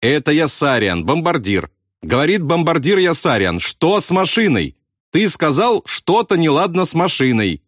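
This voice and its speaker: A man voicing a desperate, panicky male bombardier who yells in a strained, emphatic way. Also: a little high, very animated, no room sound, studio quality, pitched above the performer's own voice. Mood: alarmed. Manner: strained yelling, slow and emphatic.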